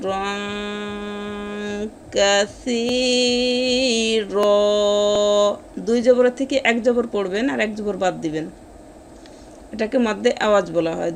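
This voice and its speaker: A woman's voice: medium pitch, darkish tone, slight background noise. Woman teaching recitation rules step by step. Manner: explains rules, then recites words slowly drawn out. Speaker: Quran reading teacher.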